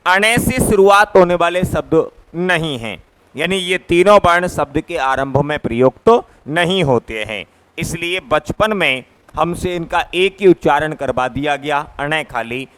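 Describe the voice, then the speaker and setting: A man's voice: fairly high pitch, a bit bright, clear, resonant tone. A male teacher from Rajasthan giving a classroom grammar lecture, patiently drilling letter sounds one by one and repeating his points while he writes on a board. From Rajasthan, India.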